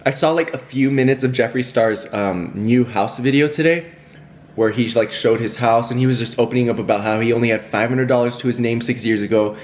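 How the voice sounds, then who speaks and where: A young YouTuber hosting a mukbang chats casually to the camera while eating, rambling and laughing between bites. He fills his talk with fillers, laughs and self-talk. His medium-pitched voice is a little mellow and fairly quick.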